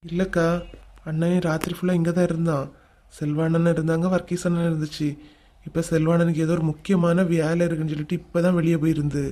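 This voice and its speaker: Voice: medium pitch, little pitch movement, quick pace, warm tone, natural voice. A performer with a Kanyakumari accent playing an earnest, worried young man in a family comedy skit. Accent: Kanyakumari Tamil. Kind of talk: acted village family drama.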